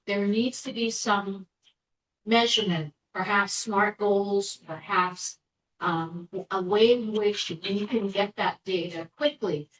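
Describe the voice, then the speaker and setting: Woman board member explaining, echoey room. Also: medium pitch. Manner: thoughtful, explanatory, with fillers. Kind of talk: board meeting discussion. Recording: echoey room, distant mic.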